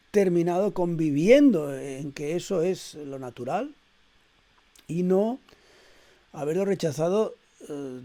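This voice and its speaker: A middle-aged man delivering a reflective spoken essay in a measured, hesitant way, with frequent "eh" fillers and repeated words. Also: a little high, warm tone. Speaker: essayist reading his own text.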